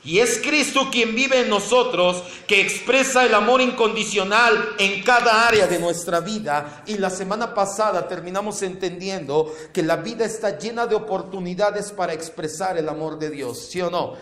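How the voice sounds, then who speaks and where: A man's voice: sits high, moderate pace, few pauses, pushed and bright. A man with a Mexican accent preaching a sermon as pastor, often asking the congregation questions. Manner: asks the congregation questions, emphatic. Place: church. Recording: echoey church room.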